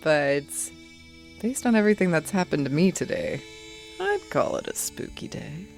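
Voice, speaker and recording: A woman co-hosting a podcast in casual chat, giggly and animated as she tells her story. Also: sits low, normal speed, gravelly, faint music behind. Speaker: podcast co-host.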